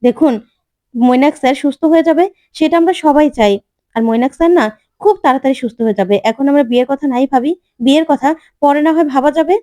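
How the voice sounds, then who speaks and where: A woman's voice: sits high, fast talker, warm tone, no room sound, clean studio sound, natural voice. A woman voicing a sensible elder sister who talks in a soothing, reasoning way. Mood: pleading.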